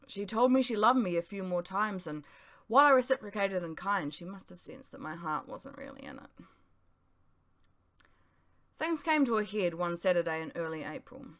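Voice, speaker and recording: A woman, the author, narrating her novel aloud in a measured first-person storytelling manner. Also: mid-range voice, lively intonation, fairly bright tone. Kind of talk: audiobook narration.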